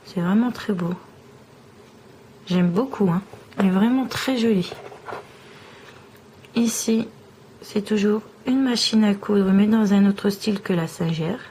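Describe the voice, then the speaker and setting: Slow, soft-spoken French woman vlogger. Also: mid-range voice, slight background noise, poor audio. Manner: slow, admiring commentary on small objects. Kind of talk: casual show-and-tell.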